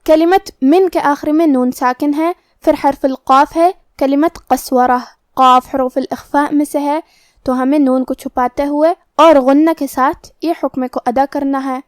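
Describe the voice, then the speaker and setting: A woman's voice: high voice, steady tone, no room sound, studio quality. A woman explaining pronunciation rules for recitation step by step, in a methodical teaching manner. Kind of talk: explaining tajweed rules in Urdu, with slow Arabic recitation.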